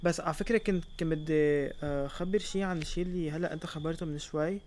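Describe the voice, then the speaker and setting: A woman's voice: deep voice, racing, a little mellow, slight background noise. Young Lebanese female, casual conversational delivery, frequent Arabic-English mixing. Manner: mixes English words and phrases into Arabic. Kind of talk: casual discussion.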